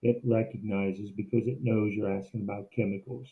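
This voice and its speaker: A man's voice: on the low side, fairly even intonation, moderate pace. Man narrating a demo, phone-like sound. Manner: explanatory, step-by-step. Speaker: teacher giving a software demo. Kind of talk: instructional screencast narration, semi-scripted. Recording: muffled, narrow phone-like sound.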